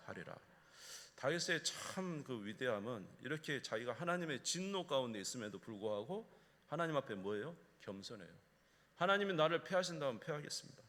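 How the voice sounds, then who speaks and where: Low-voiced preaching pastor in a hall. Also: male voice, a bit bright. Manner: emphatic, often asking the congregation questions. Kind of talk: sermon. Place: church sanctuary. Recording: echoey church hall.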